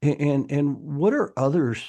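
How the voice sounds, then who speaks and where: A man's voice: a little high, lively intonation, normal speed, warm tone. A male podcast host chatting casually with a guest, affirming him often with murmured agreement. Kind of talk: casual interview chat.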